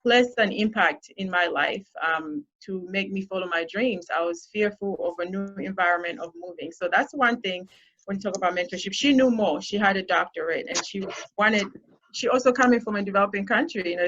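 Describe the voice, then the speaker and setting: A woman's voice: mid-range voice, a little fast, a bit bright. Earnest woman speaker on a dull line. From Zambia. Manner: earnest, encouraging, with frequent restarts. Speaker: guest speaker. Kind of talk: motivational talk to a youth group.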